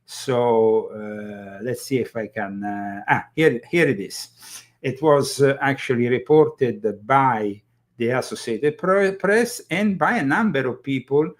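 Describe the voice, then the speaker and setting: A man hosting a political commentary show, talking casually with halting starts and many fillers. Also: mid-range voice. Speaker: host.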